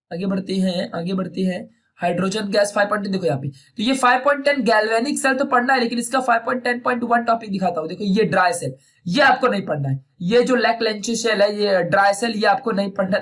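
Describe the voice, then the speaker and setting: A man's voice: very high-pitched, fairly bright tone. A man teaching a lesson in a casual, chatty way, often checking in with "okay" and talking to students like friends. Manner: chatty, repeats "okay" often, mixes in English.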